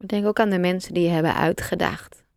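A woman guiding a meditation, speaking slowly and softly with long pauses. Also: on the low side, no echo, studio quality. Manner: slow, soft and calm, with long pauses. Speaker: meditation guide. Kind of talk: guided meditation.

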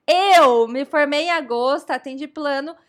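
A Brazilian woman co-hosting a podcast, lively and teasing as she reads listener comments and cheers them on. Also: high voice, unhurried. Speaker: podcast co-host. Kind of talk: casual chat, reading listener comments.

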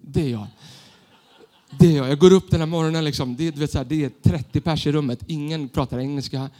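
Male preacher, fairly high voice, lively self-mocking storytelling sermon.

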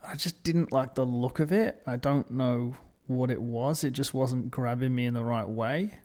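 A man's voice: medium pitch, normal speed, mellow. Teasing man chatting on a podcast. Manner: teasing, swears casually, hesitant "um" starts. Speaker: podcast co-host. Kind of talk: casual chat.

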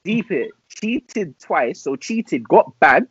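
A man's voice: high voice, big pitch swings, slow, breathy edge, dry recording, lo-fi sound. A young man with a London roadman accent, talking emphatically and repetitively in street slang during a casual group discussion. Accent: London roadman, urban slang. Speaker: podcast panellist answering listener dilemmas.

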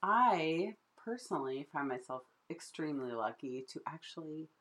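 A woman with a notably low voice co-hosts a relaxed podcast chat. She talks in a playful, giggly way, full of "like" and "you know". She laughs easily. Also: normal speed, poor audio. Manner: giggly, playful, chatty with many fillers. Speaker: podcast co-host. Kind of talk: casual chat.

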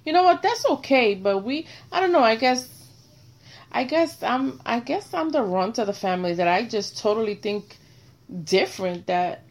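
A middle-aged woman hosting a casual chat, speaking bluntly and with animated swings between quiet and loud. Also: a little high, normal speed. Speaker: host.

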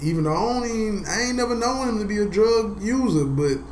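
Animated man ribbing in a roomy space. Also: sits high, a little fast. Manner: loud opinionated ribbing; animated slangy trash talk. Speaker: sports podcast host. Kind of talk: casual sports commentary. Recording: roomy echo, faint background noise.

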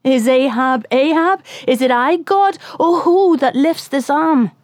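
A woman's voice: high voice, unhurried, darkish tone, no room sound, clean studio sound, pitched above the performer's own voice. A woman voicing a weary, obsessed old whaling captain in anguished, archaic soliloquy for an audiobook. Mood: tormented, questioning. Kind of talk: dramatic audiobook reading.

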